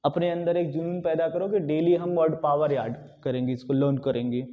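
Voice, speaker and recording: A man's voice: fairly high pitch, steady tone, moderate pace. A man teaching a classroom lecture, urging students in a repetitive, conversational way. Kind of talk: classroom lecture on exam preparation. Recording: dull lo-fi sound with long reverb.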